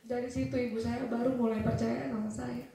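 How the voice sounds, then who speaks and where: A woman's voice: fairly high pitch, level tone, brisk, gravelly, background noise. A young woman giving a spirited testimonial speech to an audience, telling a personal story and acting out the dialogue. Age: young adult. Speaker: motivational speaker. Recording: echoey hall from far off.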